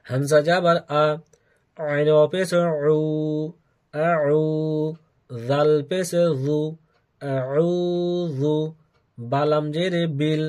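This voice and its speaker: A man teaching Quran reading, his voice sitting a little high for a man. He takes things very slowly, spelling each letter and vowel mark aloud before stretching the finished word into a chanted recitation. He repeats every word several times so learners can follow. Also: a little mellow. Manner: slow, deliberate spelling of letters and vowel marks.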